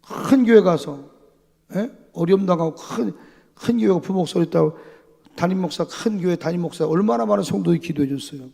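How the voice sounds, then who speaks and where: A male pastor delivers a sermon in a high voice with a rough, gravelly edge. He moves from hushed asides to loud, emphatic proclamations. The sound rings with the long reverb of a church hall. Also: brisk.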